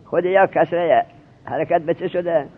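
A man teaching grammar, firing questions at his students and walking them through each rule. His voice sits a little high for a man. The sound is thin and narrowband, like an old phone line. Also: fairly even intonation. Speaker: seminary teacher. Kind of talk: Arabic grammar lesson in Persian. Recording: tinny lo-fi narrowband recording.

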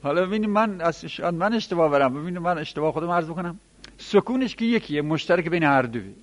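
A man teaching Arabic grammar in a classroom lecture, explaining and listing word forms, with emphatic rises in pitch. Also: animated, long reverb tail.

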